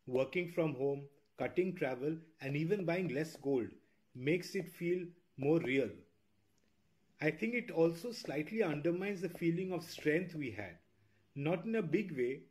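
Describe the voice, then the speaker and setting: Man, listener comment, measured and reflective, fairly high-pitched. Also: a little mellow. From India. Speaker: listener sending a message.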